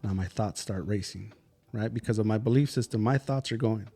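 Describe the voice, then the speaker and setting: A man's voice: on the low side, a little fast, mellow. A man talking as a guest on a podcast who tells stories and acts out what others said, laughing often, then explains ideas step by step repeated "right?". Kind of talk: casual podcast conversation.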